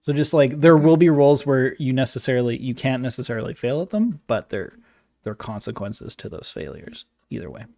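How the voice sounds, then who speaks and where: A woman running a tabletop game as game master, explaining rules in a relaxed, filler-heavy way. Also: extremely low pitch, brisk, no echo. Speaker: dungeon master.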